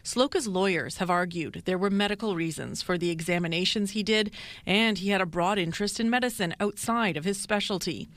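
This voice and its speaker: A woman, a television reporter narrating a news story in a measured, formal way. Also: mid-range voice, no echo.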